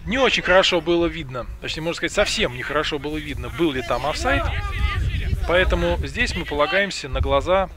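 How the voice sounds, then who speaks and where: A man's voice: on the high side, animated, brisk. A man giving live football commentary in a conversational, improvised, explanatory way. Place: outdoors at a football ground. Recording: outdoor crowd noise behind commentary.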